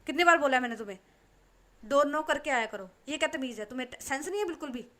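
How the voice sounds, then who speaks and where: A woman voicing an adult aunt, a stern but caring woman who scolds, then coaxes softly. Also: fairly high pitch, steady tone, moderate pace, lightly acted. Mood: angry scolding. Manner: scolding, then soft and coaxing.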